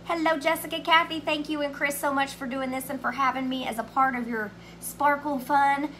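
A chatty middle-aged woman with a drawl runs a live craft show. Her voice sits high and sounds bright and clear. She keeps greeting viewers by name as she works. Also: steady tone, moderate pace, a little hiss or hum. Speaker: craft livestream host. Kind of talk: casual live craft demo.

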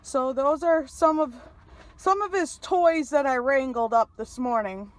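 A woman in her thirties from New York with a high voice talks casually as she shows viewers around her truck cab. She rambles along with plenty of ums, filming on a phone she holds in her hand. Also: measured pace. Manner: chatty, rambling with many fillers. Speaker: truck driver vlogger. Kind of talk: casual vlog tour. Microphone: phone camera held in hand.

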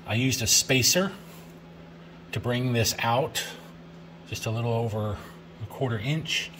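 A man's voice: medium pitch, measured pace, fairly bright tone, reverberant, a little hiss or hum. A middle-aged man giving a casual, step-by-step how-to walkthrough in a large garage, with the occasional filler word as he explains. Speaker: DIY home improvement vlogger. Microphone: camera on tripod, across the garage.

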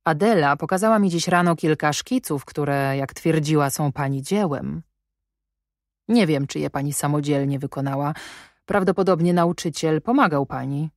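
A brusque, commanding gentleman, as a woman reads him aloud for an audiobook, questioning sharply and with dry irony. The voice sits low and is heard close and dry, with no room sound. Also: normal speed, no echo. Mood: sardonic. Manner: imperious, probing, sardonic. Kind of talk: audiobook reading.

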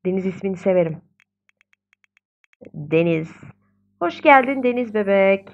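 A woman's voice: mid-range voice, animated, measured pace, dull audio. A young woman casually commenting on her own gameplay. She chats, gets exasperated, and coos at the babies in the game. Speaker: gaming video host.

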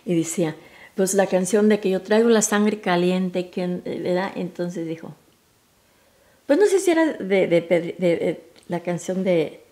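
An older woman in her seventies with a Mexican Spanish accent, telling family stories. Her voice sits fairly low, and her talk rambles and restarts, often sinking into soft, near-whispered asides. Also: expressive, measured pace. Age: 70s. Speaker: mother recalling family memories. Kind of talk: informal family storytelling.

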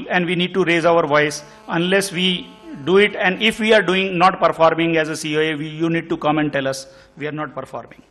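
Middle-aged indian guy on a panel, concerned tone, bit high pitched, keeps restarting. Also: pushed and bright. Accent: Indian English. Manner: earnest, concerned, many restarts. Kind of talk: panel discussion remarks. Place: conference hall panel table. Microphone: table microphone on stand.

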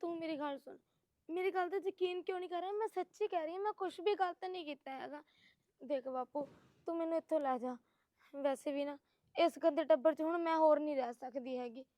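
A woman playing a shrill, pleading young wife. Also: brisk, dark tone, no echo, studio quality, lightly acted. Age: young adult. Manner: pleading, insistent. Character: young wife insisting she is wronged.

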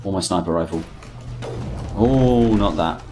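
A man's voice: low-pitched, measured pace, darkish tone. A man giving casual, sweary, joking commentary while he plays a video game. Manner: sweary, joking running commentary with sudden silly voices. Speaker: gamer playing and commenting. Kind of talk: casual let's-play commentary. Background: game music.

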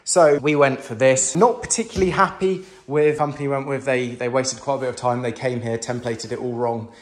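A man's voice: medium pitch, steady tone, a little fast. A young man from England giving a casual, enthusiastic tour of his renovated house, filming by hand while walking through a large kitchen. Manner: chatty, enthusiastic, casual slang. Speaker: home renovation vlogger. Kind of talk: casual home tour narration. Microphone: handheld phone camera, filming first-person while walking.

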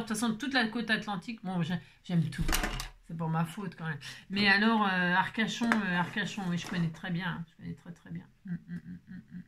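Playful woman vlogger, chatty and exclamatory, talks to herself, mid-pitched voice. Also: noisy background. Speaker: papercraft vlogger. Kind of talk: casual chat while opening mail.

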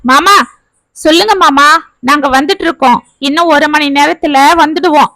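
A woman voices a young married man in a spoken family story. He sounds earnest and remorseful, reflecting on how he treated his wife. The voice sits high and the recording is close and dry. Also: moderate pace, sharp tone, dry recording. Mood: relieved. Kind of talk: storytelling narration.

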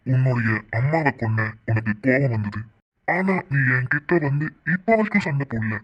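A man's voice: mid-range voice, close to an everyday voice. A man playing a sneering, vengeful cartoon villain. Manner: slow, sneering, threatening taunts. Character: gloating vengeful male villain taunting a rival. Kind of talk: cartoon voice acting. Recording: dull lo-fi recording.

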